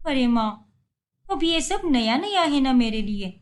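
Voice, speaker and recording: A woman voicing a timid young adult daughter who pleads and apologizes in an animated story. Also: high-pitched, a little slow. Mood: pleading.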